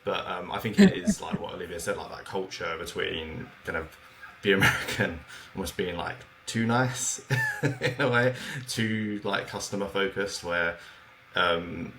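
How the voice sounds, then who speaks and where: A British man chatting casually on a podcast, halting often with fillers and restarts. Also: deep voice, a bit bright, slight background noise. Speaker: podcast co-host. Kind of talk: casual chat.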